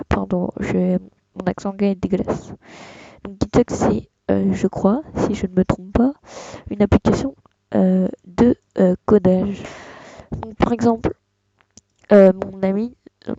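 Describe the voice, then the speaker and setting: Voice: mid-range voice, vocal fry, warm tone, no echo, highs cut off. A young speaker giving a casual screen-recorded tutorial, hesitant and full of fillers. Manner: hesitant, many fillers and restarts. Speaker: tutorial host.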